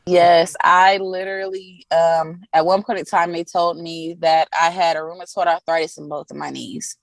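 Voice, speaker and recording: A woman's voice: fairly low pitch, normal speed, gravelly, no echo. Chatty female massage therapist, dry close sound. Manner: animated storytelling, acting out quotes; laughs often while talking. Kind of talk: casual interview chat.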